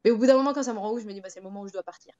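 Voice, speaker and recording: A woman's voice: mid-range voice, racing, a little mellow, dull audio. A woman from Europe talking frankly in casual chat on a live talk show, hesitant with many fillers and restarts. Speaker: guest traveler.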